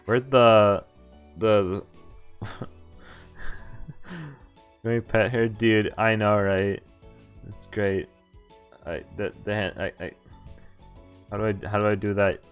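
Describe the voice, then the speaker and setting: A game streamer with a lowish, steady, smooth voice talks slowly and pauses often. He reads a visual novel's text aloud and adds casual, amused, informal commentary, with the game's music playing behind him.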